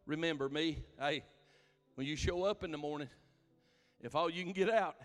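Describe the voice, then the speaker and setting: A man preaching a sermon, impassioned, his delivery swelling into shouted cries. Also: a little high, normal speed, in a large hall. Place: church sanctuary.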